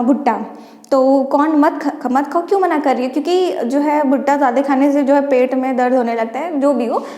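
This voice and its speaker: A woman's voice: sits high, a little mellow. A woman teaching an exam-prep lesson, walking students through a memory trick step by step and often prompting them to look. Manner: explains step by step, often says "dekhiye" to prompt listeners. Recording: echoey room with long reverb.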